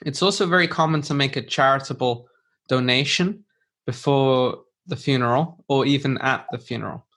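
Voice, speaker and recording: At a normal speed and in a medium-pitched, fairly bright voice, a man hosts a podcast for English learners. As a teacher, he keeps his explanations simple and conversational, rephrasing them for the learner.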